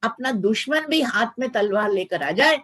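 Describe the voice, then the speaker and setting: A woman's voice: fairly high pitch, expressive, moderate pace, fairly bright tone, low-quality recording. A woman spiritual teacher giving a devotional discourse, chanting verses and leading call-and-response chants. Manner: demonstrative, chants Sanskrit verses.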